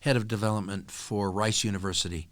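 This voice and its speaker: Man, podcast guest, earnest storyteller, lowish voice, dry close sound. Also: steady tone, a little fast, a bit bright, no room sound. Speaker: podcast guest, nonprofit co-founder. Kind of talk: conversational interview storytelling.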